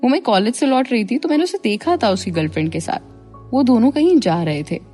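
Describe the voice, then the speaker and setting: A woman's voice: on the high side, sing-song, quick pace, mellow, soft background music. A woman voicing a caring, emotional young college woman who speaks in an earnest, pleading way. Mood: teasing.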